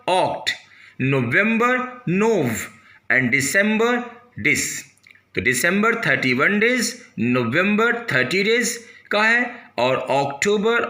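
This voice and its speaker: A man teaches a pronunciation lesson, sounding out each word slowly and spelling it letter by letter. His voice is bright and a little high, and it rings in an echoey room. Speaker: English teacher.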